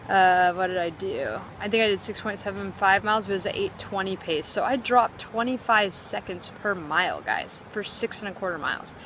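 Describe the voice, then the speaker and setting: A woman's voice: medium pitch, moderate pace, hardly any pauses, a little hiss or hum, rough recording. Chatty upbeat woman vlogging outdoors. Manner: chatty, full of "like" and "um" fillers; excitable and upbeat. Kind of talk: casual vlog chat. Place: outdoors by a river.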